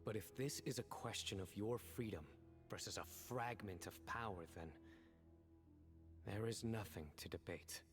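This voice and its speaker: A man voicing a stern, resolute guardian in a video game, speaking solemnly and deliberately. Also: fairly low pitch, natural voice. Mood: solemn, firm. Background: music.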